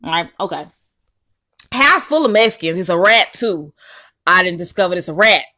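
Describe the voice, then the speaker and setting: A young adult woman with a Southern US accent tells a personal story casually to viewers, slangy and animated, with drawn-out emphasis and asides. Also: fairly low pitch. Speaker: storytime vlogger.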